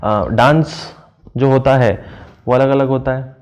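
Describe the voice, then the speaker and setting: A man teaching an exam-prep lesson, walking through answers step by step and asking questions that he then answers himself, reading phrases slowly and translating them. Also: mid-range voice, fairly even intonation.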